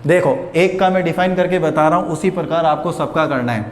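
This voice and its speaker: A young male teacher gives a slow, patient grammar lesson, spelling out each rule step by step. His voice sits a little high, and the room echoes with a long ringing tail. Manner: patient, repeats each rule slowly, asks questions and answers them himself. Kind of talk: exam-prep grammar lesson.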